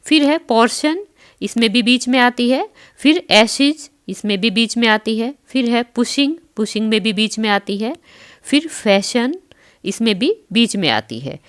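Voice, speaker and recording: Her voice a little high and expressive, this teacher runs an online English class for schoolchildren, whom she calls children. She spells each word out letter by letter, says it with care, and reads lines slowly before explaining them in Hindi.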